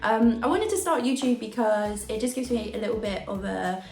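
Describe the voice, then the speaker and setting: A woman's voice: a little high, expressive, moderate pace, a little mellow. A young woman chatting casually to camera as a vlogger, her voice affected by a sore throat from tonsillitis. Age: young adult. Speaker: YouTube vlogger and fitness coach. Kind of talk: casual talk to camera, introduction and Q&A. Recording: roomy indoor echo.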